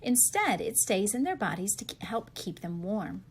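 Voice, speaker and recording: A slightly husky woman with a mid-range voice reads a children's picture book in a sing-song way at a moderate pace. She asks questions and answers them expressively for young listeners, over slight background noise.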